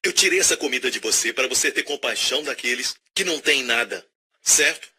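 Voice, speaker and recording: A man voicing a gentle, patient Jesus who speaks softly and reassuringly to a boy. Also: expressive, brisk, noisy background, close to an everyday voice. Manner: soft, low and reassuring.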